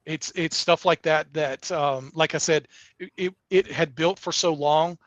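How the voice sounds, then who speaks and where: A man's voice: a little high, steady tone, measured pace, fairly bright tone, no echo. A middle-aged man, a wrestling promoter, talking earnestly in a casual interview, often restarting his sentences. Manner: earnest, rambling with many restarts.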